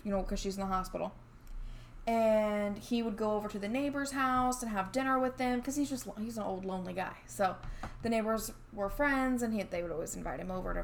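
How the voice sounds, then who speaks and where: A woman's voice: medium pitch, slight background noise. A woman co-hosting a podcast, telling a true story in casual chat with many fillers and restarts. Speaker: podcast co-host.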